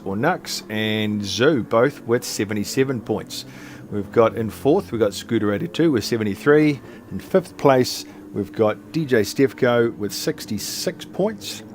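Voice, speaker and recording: A man's voice: medium pitch, measured pace, slight background noise. A man co-hosting a sim racing stream, talking in a loose, chatty way with lots of fillers and self-deprecating asides. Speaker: co-host doing the visuals.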